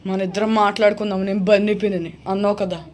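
A woman voicing a menacing female ghost who has possessed a young woman, speaking in a slow, threatening drawl. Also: medium pitch, flat delivery, a little mellow, lightly acted. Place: home indoors.

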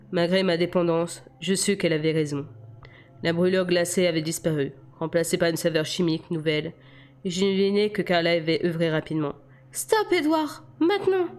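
Woman reading a novel aloud. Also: fairly low pitch. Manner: steady reading with occasional stumbles. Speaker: amateur audiobook reader.

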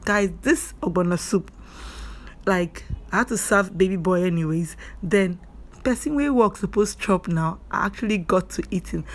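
Chatty, excitable Nigerian woman vlogger. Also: fairly low pitch. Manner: chatty, excitable, repeats herself. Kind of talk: casual chat. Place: home.

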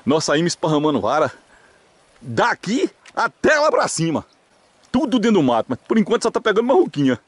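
A man with a Brazilian caipira country accent giving casual, excited, jokey fishing commentary outdoors from behind a handheld camera. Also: high voice, a little fast, no room sound. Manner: animated, jokey, exclamatory. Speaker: vlog host and cameraman. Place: open hillside pasture by ponds, outdoors.

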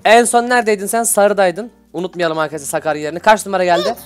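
A man's voice: high voice, rapid-fire, smooth, faint music behind. A young man hosting a casual Minecraft gameplay video, teasing and bossing his playmate, laughing often and turning to talk to his viewers. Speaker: gaming channel host.

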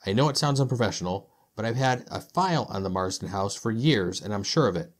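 A man's voice: on the low side, brisk, natural voice. A man voicing a mustached, pipe-smoking police detective who speaks matter-of-factly, in a board-game story. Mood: insistent.

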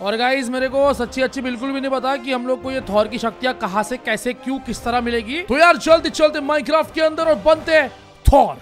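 A young man with an Indian accent and a sore throat, giving loud, excitable Minecraft commentary and yelling at game characters. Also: very high-pitched, a little fast. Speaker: gaming YouTuber. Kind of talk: Minecraft let's play commentary. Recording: faint music behind the voice.

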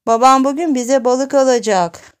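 A woman voicing a bratty little boy who brags and taunts in a high, childlike voice. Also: moderate pace, clear, resonant tone, lightly acted. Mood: taunting. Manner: taunting, bragging.

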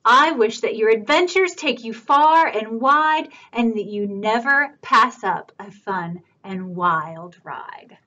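A woman children's librarian reading picture books aloud for storytime, with a warm, expressive storytime delivery. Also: fairly high pitch, takes it slowly, hardly any pauses, lo-fi sound, slight background noise.

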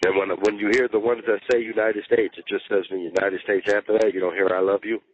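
A man chats over a prison phone call, his low voice squeezed thin and tinny by the line. He tells long stories in slangy, cussing street talk, laying it on casually. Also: little pitch movement, fast talker, slight background noise. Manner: profane, storytelling, slangy. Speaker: jail inmate on a phone call.

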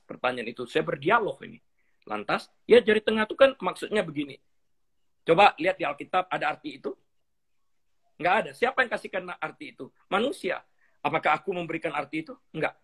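A man's voice: a little high, a bit bright, husky. A middle-aged man, a pastor, teaching in conversation, telling stories animatedly and acting out dialogues, with English phrases mixed in.

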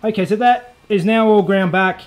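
Over music, a high-pitched Australian in his thirties talks at a moderate pace through a hands-on car body repair in his garage workshop, recorded on a lapel mic with voice-over. As a DIY car repair host, he comes across as relaxed, practical, and self-deprecating, filling pauses with "uh."

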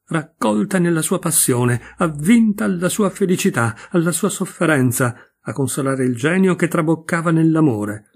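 Brief: male audiobook narrator, husky, steady mid pitch, expressive. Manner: measured, expressive reading. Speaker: audiobook reader. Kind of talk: scripted literary narration.

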